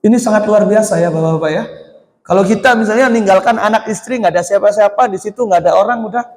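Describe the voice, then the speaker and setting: High-voiced Indonesian man teaching in an echoey hall. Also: fast, darkish tone. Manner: asks the audience questions and answers them himself. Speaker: Islamic teacher. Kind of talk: mosque study lecture.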